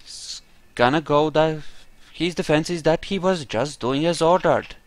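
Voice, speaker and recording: A gamer hosting a let's play mutters to himself with playful exclamations as he offers casual roleplay commentary. His voice is a little high and his pace measured.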